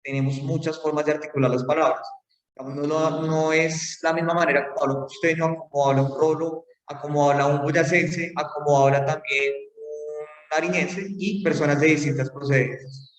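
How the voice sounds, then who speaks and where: A man's voice: a little high, fairly even intonation, normal speed, a little hiss or hum. A man giving a phonetics lecture, explaining step by step with fillers and check-in questions. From Colombia. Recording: roomy hall, mic far off.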